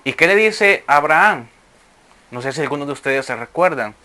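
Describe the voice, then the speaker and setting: Man, sermon teaching, bright forceful voice, reads scripture then explains, asks questions. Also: a little high, lively intonation, moderate pace. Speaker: Bible teacher.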